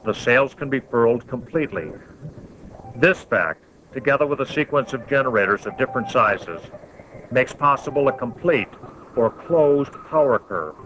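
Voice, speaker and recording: A man reading scripted promotional narration for an infomercial in a measured, explanatory way. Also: mid-range voice, bright, forceful tone. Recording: dull lo-fi, faint background noise.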